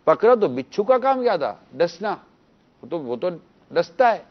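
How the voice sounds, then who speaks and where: A man's voice: high-pitched, sing-song, highs cut off. A man speaking as a religious scholar on a TV panel, earnestly pleading with viewers and teaching through parables.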